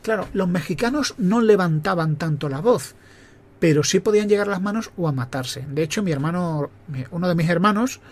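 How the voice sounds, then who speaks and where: A man with a Spain Spanish accent and a noticeably high voice for a man, hosting a podcast. He reminisces in an easygoing monologue, circling back and correcting himself mid-sentence as memories come to him. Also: expressive, brisk. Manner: reminiscing, conversational, with self-corrections. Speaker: podcast host. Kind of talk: personal storytelling monologue.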